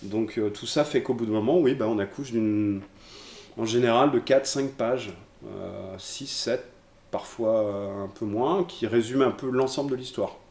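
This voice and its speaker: A man's voice: medium pitch, normal speed, darkish tone. A man, a comic book writer, answering interview questions thoughtfully and searching for his words. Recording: roomy echo, faint noise.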